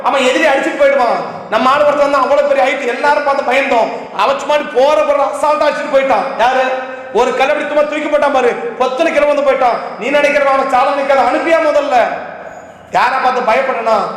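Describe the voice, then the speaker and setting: A man's voice: extremely high pitch, fairly bright tone. A man preaching a sermon to a congregation, firing off rhetorical questions one after another. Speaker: pastor. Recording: echoey hall reverb.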